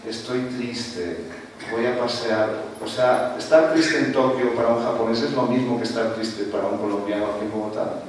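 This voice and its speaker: Lecturing to an audience with frequent rhetorical tag questions, a male panelist from Spain who is not a native Spanish speaker delivers an academic talk. His voice is medium-pitched and somewhat dark, picked up by a distant mic in a roomy hall with faint ambience and slight hiss or hum.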